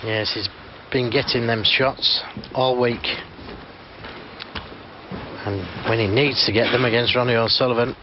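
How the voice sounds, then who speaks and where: A man's voice: medium pitch, steady tone, measured pace, long pauses. A man giving live snooker commentary as a co-commentator, reacting to the shots. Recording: muffled broadcast, loud crowd and noise.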